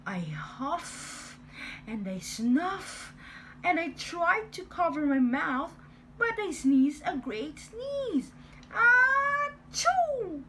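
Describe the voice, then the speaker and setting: A woman's voice: high voice, sing-song, extremely slow, noisy background, full character voice. A woman voicing a sly male wolf who tells his own side of a storybook tale in a playful, exaggerated way. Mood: self-justifying. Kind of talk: storybook reading.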